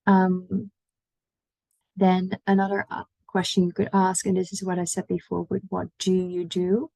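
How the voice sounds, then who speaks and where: Woman, online language tutor, low gravelly voice, slow patient delivery. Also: completely flat delivery, mellow, no room sound, low-quality recording. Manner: slow, patient, explaining pronunciation. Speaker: language teacher.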